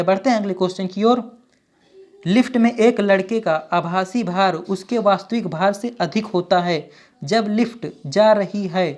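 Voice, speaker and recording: A woman teacher reading out exam questions and options and then giving each answer, with steady, repetitive phrasing. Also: mid-range voice. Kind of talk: exam quiz walkthrough.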